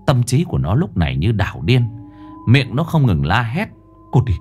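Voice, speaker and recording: A man's voice: mid-range voice, wildly swooping pitch, moderate pace, darkish tone, faint music behind. A man narrating a ghost story in a dramatic, suspenseful way.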